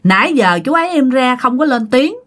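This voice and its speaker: Woman, casual ghost-story telling, animated rising and falling pitch, chatty with fillers. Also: a little fast.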